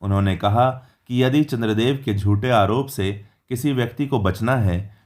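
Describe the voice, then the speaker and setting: A man reading a scripted narration in an even, formal, explanatory manner. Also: on the low side. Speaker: narrator of a devotional explainer video.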